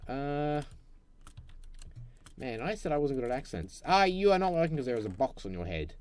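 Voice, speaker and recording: A man's voice: medium pitch, very animated, fast, a little mellow, no room sound. A young man hosting a Minecraft let's play, chatting, humming and talking to himself playfully as he builds. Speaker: gaming channel host.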